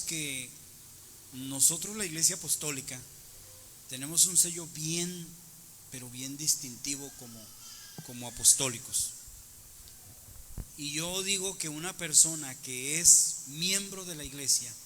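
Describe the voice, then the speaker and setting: A man's voice: fairly high pitch, bright, forceful tone, a little hiss or hum. Emphatic church man in an echoey room. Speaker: church leader in a panel discussion. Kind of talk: preaching-style panel talk.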